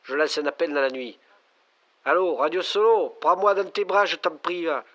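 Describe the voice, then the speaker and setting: A lonely, frightened young man calls in from a night payphone, and his voice comes through thin and distant on the line, as a man acts him out on stage. He pleads to be heard, and his speech tips toward panic. His voice sits a little high for a man. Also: normal speed, a bit bright, highs cut off. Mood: pleading. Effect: payphone call, distant caller on the line. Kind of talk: stage monologue acting.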